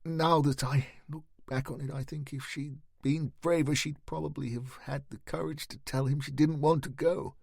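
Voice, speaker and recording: A man voicing a shy, halting young man. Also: on the high side, fairly even intonation, gravelly, a little mellow, breathy edge, dry recording, clean studio sound, voice pushed up. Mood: rueful. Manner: hesitant, halting confession. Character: shy awkward young man, earnest and self-conscious.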